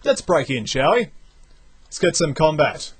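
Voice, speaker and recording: A young man, not from the United States, commentating a video game as he plays, thinking out loud with lots of energy. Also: on the high side, unhurried, breathy edge. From outside the United States. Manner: animated, thinks aloud while playing. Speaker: let's play commentator. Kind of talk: gameplay commentary.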